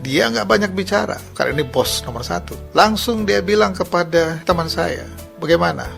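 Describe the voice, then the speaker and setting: A man preaches with a fairly high, gravelly voice, and he animates his story by playing each speaker in turn. Soft worship music plays behind him. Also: normal speed. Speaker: pastor. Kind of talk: sermon with story and prayer.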